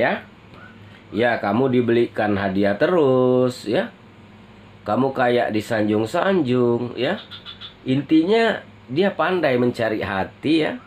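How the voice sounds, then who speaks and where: A man giving a tarot reading to his viewers, speaking in a slow, drawn-out way and tagging nearly every phrase with a questioning "ya". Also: medium pitch, slight background noise. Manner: slow, drawn-out delivery with constant "ya" tag questions; addresses viewers as friends. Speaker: tarot reader.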